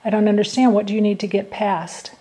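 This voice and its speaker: A woman's voice: medium pitch, fairly even intonation, brisk, warm tone, low-quality recording. A woman working as a paranormal investigator, politely putting short, simple questions to spirits. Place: indoor classroom at night.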